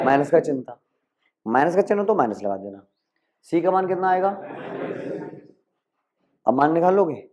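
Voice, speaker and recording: In this dull lo-fi clip, a high-voiced male maths teacher gives classroom-style exam tutoring with a darkish tone. His manner is coaxing, and he fires off quick check questions that he then answers himself.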